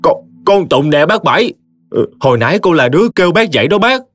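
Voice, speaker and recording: A man voicing the ghost of a remorseful young man who has possessed his brother, speaking with a Southern Vietnamese accent in high, anguished bursts. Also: very animated, fairly quick, a bit bright, faint music behind. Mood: eerie. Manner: anguished, high-pitched outbursts.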